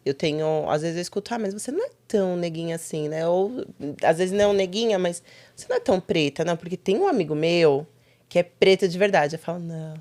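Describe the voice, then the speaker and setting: A young adult woman, a guest in a casual interview, telling stories with lively quoted asides. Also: on the low side. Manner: animated storytelling with quick quoted asides.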